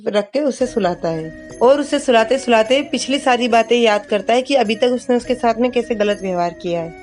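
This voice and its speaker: Higher-voiced woman recapping a serial. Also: normal speed, darkish tone, faint music behind. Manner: plain storytelling, quoting dialogue. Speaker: TV serial episode recap narrator. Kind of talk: narrated episode recap.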